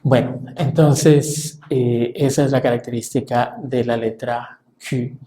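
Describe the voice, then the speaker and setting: Man teaching, mellow and unhurried. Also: mid-range voice, steady tone, echoey room. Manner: measured, halting with frequent fillers. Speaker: French teacher. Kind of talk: explaining pronunciation to a class.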